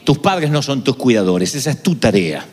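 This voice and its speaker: Animated male preacher in a church hall. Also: medium pitch, normal speed, slightly rough. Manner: animated, shifts between voices. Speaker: pastor. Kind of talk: sermon. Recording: long hall reverb.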